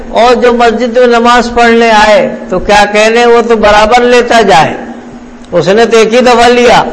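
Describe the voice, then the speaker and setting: A man preaching a sermon, telling a story with slow, emphatic pauses. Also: very high voice. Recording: long hall reverb, faint room noise.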